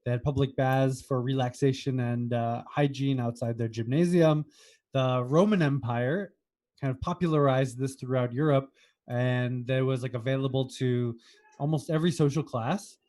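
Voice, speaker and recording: With a mid-range voice that's soft, mellow, and easygoing, this American podcast co-host keeps the conversation casual. He's dryly wry and tends to tease.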